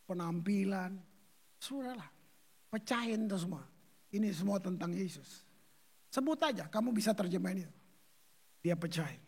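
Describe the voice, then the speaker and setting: A male pastor preaching a sermon in slangy, animated storytelling, acting out the people in his stories. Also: sits high, vocal fry, husky.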